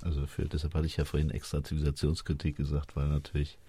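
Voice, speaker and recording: Very deep, dark-voiced man musing. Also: monotone, fast talker, breathy edge. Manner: musing, asks questions, loose asides. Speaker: podcast co-host. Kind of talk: casual chat.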